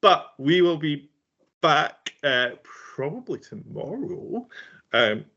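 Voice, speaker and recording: A man's voice: on the high side, sing-song, slow, sharp tone, highs cut off. A man co-hosting a casual reaction chat, playful and teasing, with plenty of ums and uhs. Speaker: co-host reacting to songs.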